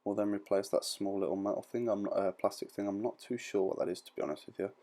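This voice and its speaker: A man with a lowish, warm, steady voice talks at a quick pace in an informal repair tutorial voice-over. He walks through each step in a plain-spoken, reassuring, explanatory way.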